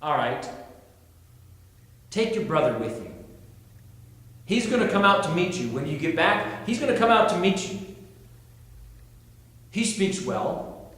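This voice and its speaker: A preacher voicing a stern, exasperated deity. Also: male voice, high-pitched, big pitch swings, a little slow, long pauses, fairly bright tone, heavily acted. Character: stern, exasperated divine male voice. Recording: echoey hall.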